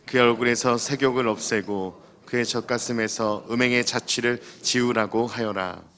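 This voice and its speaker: A man reading scripture aloud slowly and solemnly during a sermon. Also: mid-range voice, steady tone, a bit bright. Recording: reverberant hall, off-mic.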